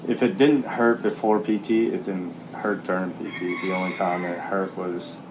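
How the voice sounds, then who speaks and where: A man talking candidly and haltingly in a casual, reflective vlog while out walking. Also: low voice, steady tone, background noise. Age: middle-aged. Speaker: vlogger, military serviceman and former Marine. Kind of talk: casual walk-and-talk vlog.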